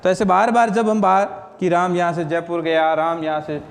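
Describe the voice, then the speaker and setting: A man's voice: high voice, flat delivery, moderate pace, creaky, long reverb tail. A man teaching Hindi grammar in a classroom lecture, often asking his students questions and answering them himself. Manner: asks and answers own questions, repeats "ठीक है ना?".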